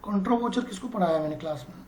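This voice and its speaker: A male accounting teacher giving a classroom lecture, explaining slowly and checking often that students follow. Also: sits high, darkish tone, echoey room, slight background noise.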